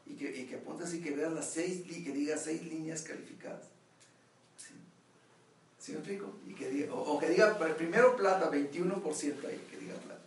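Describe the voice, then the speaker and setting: A man's voice: on the high side, brisk, slight background noise. A man with a Mexican accent leading a group session, making emphatic points and checking that everyone understands. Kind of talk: instructive group talk. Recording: echoey room, far from the mic.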